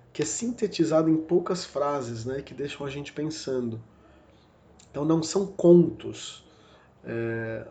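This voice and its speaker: Lecturing on literature for a recorded university podcast, a man with a Brazilian Portuguese accent speaks in a fairly high, mellow voice. He muses and searches for words, frequently using fillers and correcting himself. The recording has a little hiss or hum.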